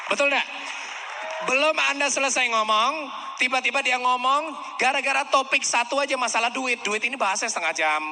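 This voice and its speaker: A man's voice: very high voice, a little fast, pushed and bright, long reverb tail, some chatter behind, a little hiss or hum. A man giving a sales training seminar, acting out customer dialogues and often asking the audience to agree. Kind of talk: seminar lecture.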